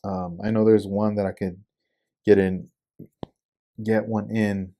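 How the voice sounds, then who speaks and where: A man in his forties with a fairly low, warm voice hosts a casual podcast, giving a loose rundown of new hobby shop stock. He speaks slowly and flatly, with lots of fillers.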